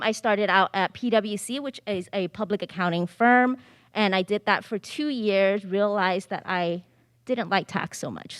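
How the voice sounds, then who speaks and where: A woman's voice: medium pitch, fairly bright tone, no echo, clean studio sound. A woman in her thirties giving a casual, upbeat panel talk on stage in a library theatre. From Southern California, United States. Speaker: panelist speaking on finance.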